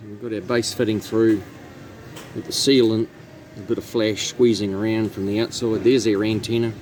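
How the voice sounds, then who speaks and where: On a rough recording, a man speaks at a moderate pace in a fairly low, level, slightly mellow voice. A New Zealand radio technician, he casually walks through a hands-on repair in and around a truck cab for his own video, with clear background noise and vehicle ambience.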